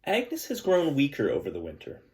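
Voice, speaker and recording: An elementary school teacher reads a picture book aloud to his students, telling the story gently and calmly and adding chatty asides to the kids. His voice is medium in pitch and he speaks at a normal speed.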